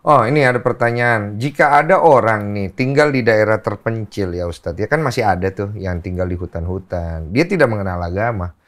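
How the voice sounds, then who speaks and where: A man's voice: lowish voice, expressive, fairly quick, hardly any pauses. A man hosting a casual interview, asking curious follow-up questions and rephrasing the answers back. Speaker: podcast host.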